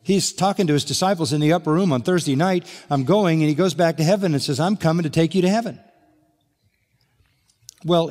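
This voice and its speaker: The speaker is an older man preaching an expository sermon, with a slightly high and somewhat mellow voice. Acting as pastor, he reads scripture aloud earnestly and leans on key points, recorded in a large hall with long reverb.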